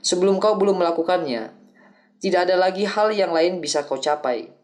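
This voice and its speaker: A man reading the lines of an older male acting teacher who explains things calmly and patiently in an audiobook. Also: high-pitched, brisk, pitched above the performer's own voice, lightly acted. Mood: instructive. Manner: calm, explanatory lecturing.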